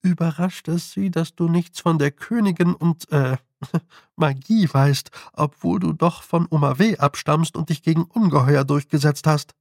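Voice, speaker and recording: A man's voice: fairly high pitch, a little slow, no echo, voice pushed up. A man voicing a dry, knowing talking toad who gives wry, muttered advice. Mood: explaining.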